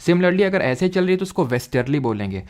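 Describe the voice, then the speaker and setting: A man's voice: a little high, big pitch swings, quick pace, darkish tone. A man teaching an exam-prep geography lesson, explaining while he draws and repeating key terms.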